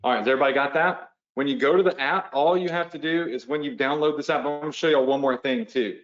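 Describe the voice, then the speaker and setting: Talking fast in a voice on the high side, a man hosts an easygoing online walkthrough, guiding viewers and checking in with them regularly despite his hiccups. The room is echoey and the recording muffled.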